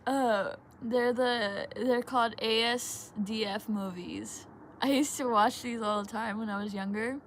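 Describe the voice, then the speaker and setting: A woman's voice: on the high side, steady tone, measured pace, a little hiss or hum. A woman rambling in casual chat with a giggly stoner drawl, often losing her thread. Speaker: vlogger.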